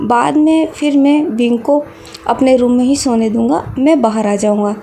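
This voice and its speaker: A woman voicing a calm, sensible young adult son in a storybook reading, with an even, reasonable tone. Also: on the high side, moderate pace, slight background noise, lightly acted.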